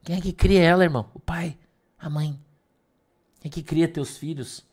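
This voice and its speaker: A middle-aged man preaching a sermon, emphatic, swinging between loud stresses and soft asides. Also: a little high, fairly even intonation, moderate pace, breathy edge. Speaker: pastor.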